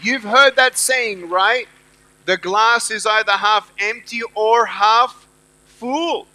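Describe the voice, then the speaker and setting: Recorded roughly, a middle-aged man gives a motivational speech at a university event, his high, sharp voice moving slowly. Speaking to students, he stresses his words emphatically and keeps repeating his main phrases.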